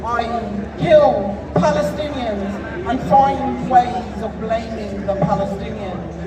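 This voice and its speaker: A man's voice: extremely high pitch, slow, very noisy. A man giving an impassioned, emphatic protest speech in front of an audience, declaiming to the crowd. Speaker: protest speaker. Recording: distant echoey PA, crowd and music behind.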